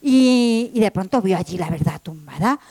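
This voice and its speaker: A woman's voice: medium pitch, lively intonation, normal speed, warm tone. A woman storyteller, telling a tale live, playful and full of sound effects and asides. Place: event hall.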